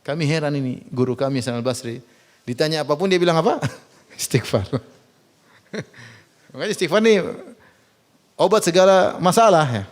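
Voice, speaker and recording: Animated Indonesian man preaching a sermon. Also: normal speed, pauses often. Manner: animated, rising for emphasis and dropping low for asides, asks the audience questions; chuckles and jokes with the congregation. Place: mosque.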